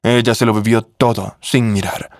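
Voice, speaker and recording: Steady man narrating a drama story. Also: on the low side, moderate pace, no echo, clean studio sound.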